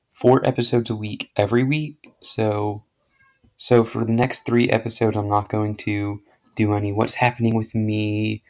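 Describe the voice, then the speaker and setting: A man's voice: fairly low pitch, creaky, a little mellow. A young man hosting his own podcast, giving a casual, rambling update full of fillers and self-corrections. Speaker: podcast host.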